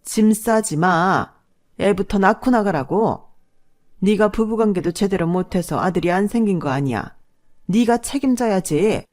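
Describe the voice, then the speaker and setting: A woman voicing a furious older mother-in-law who scolds and shouts at her daughter-in-law. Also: medium pitch, lively intonation, unhurried, voice pushed up, natural voice. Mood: shrill scolding.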